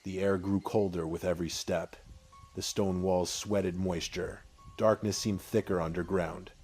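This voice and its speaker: Very deep-voiced man narrating horror. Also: flat delivery, darkish tone, slightly rough, faint music behind. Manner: measured, solemn, short phrases with deliberate pauses. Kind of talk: scripted horror story narration in the first person.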